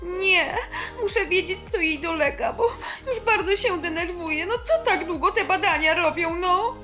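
A woman's voice: very high-pitched, moderate pace, sharp tone, faint music behind. A woman doing a fretful, anxious mother. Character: worried, impatient mother of a sick girl.

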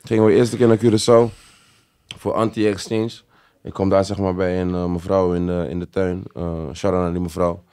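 A man hosting a podcast, telling stories in a casual, animated way full of street slang. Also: deep voice, brisk, smooth. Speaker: podcast host. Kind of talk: casual chat.

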